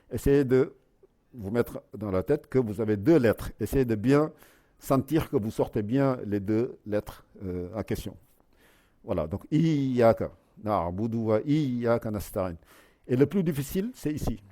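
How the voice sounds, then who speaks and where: Mellow-voiced man teaching recitation. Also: mid-range voice. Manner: drills the sounds slowly, repeating them syllable by syllable. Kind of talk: explaining recitation rules, with slow recited examples.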